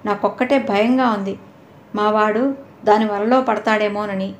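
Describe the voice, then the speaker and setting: A woman's voice: mid-range voice, fairly even intonation, measured pace, roomy sound, a little hiss or hum, lightly acted. A woman voicing a sly, gossiping older mother. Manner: gossipy, confiding.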